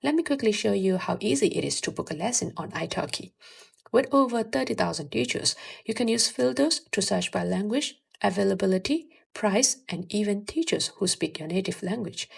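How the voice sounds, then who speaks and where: In a mid-range, heavily creaky voice, a Burmese-speaking woman in her early twenties narrates scripted tips for her audience. She runs a language-learning vlog.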